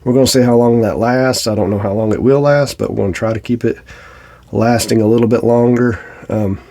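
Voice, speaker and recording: Warm, steady, and brisk, a mid-range voice belongs to a middle-aged shooting channel host with a Southern US accent. He sounds a bit congested as he casually reviews something for viewers in a folksy, down-to-earth way.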